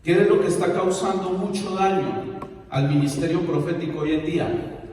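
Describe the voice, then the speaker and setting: Guy preaching in a big echoey church, kinda high voice, mic far off, acts out little bits. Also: moderate pace, a little mellow, slight background noise. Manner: emphatic preaching with playful impressions and stutter mimicry. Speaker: pastor. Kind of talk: sermon. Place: church hall.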